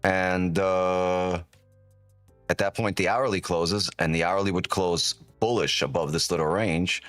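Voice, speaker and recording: A man with a deep whiskey voice giving casual live-stream commentary, thinking aloud and often checking in with "right?", on a close microphone. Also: steady tone, unhurried, a bit bright, dry recording, faint music behind. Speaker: live trading streamer, host.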